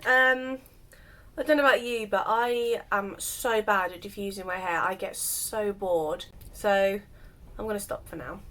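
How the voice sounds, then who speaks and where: In this casual hair tutorial, a woman vlogger demonstrates styling her wavy hair and explains each step chattily, poking fun at herself. Her voice has just recovered from illness and sounds medium-pitched, bright, forceful, and unhurried.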